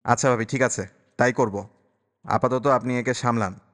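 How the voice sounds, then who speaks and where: A man's voice: medium pitch, fairly even intonation, moderate pace, fairly bright tone, natural voice. A man voicing a grave, protective young uncle who speaks earnestly and firmly. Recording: long reverberant echo.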